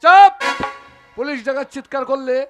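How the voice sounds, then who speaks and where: A man playing a furious escaped convict, high and fast. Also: music in the background. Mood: accusing. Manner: accusing, declamatory. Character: wronged young man escaped from jail, furious. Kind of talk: rural folk stage play.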